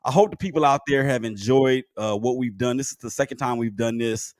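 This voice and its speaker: Animated man co-hosting a sports podcast. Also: medium pitch, fairly quick, no room sound, studio quality. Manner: animated, laughs often, pleading. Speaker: podcast co-host. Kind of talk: casual sports podcast chat.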